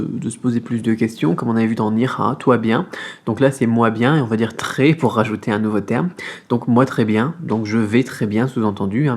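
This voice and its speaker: Husky man teaching beginner Mandarin. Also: mid-range voice, darkish tone. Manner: friendly explaining, repeats sounds slowly, many fillers. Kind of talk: casual video lesson.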